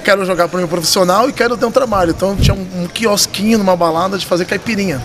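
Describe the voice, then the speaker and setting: A man in his thirties with a São Paulo Brazilian accent speaks in a high voice at a racing pace, guesting on a podcast interview. A poker dealer and tournament director, he tells stories casually and animatedly, using slang and repeating words for emphasis. He's recorded on a vintage-style desk microphone indoors in a poker club room, with a busy crowd murmuring behind him.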